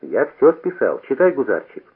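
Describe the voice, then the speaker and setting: A man voicing a self-assured, teasing teenage boy who talks fast. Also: mid-range voice, huge pitch swings, breathy edge. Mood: eager. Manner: quick, teasing storytelling. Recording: tinny old radio broadcast.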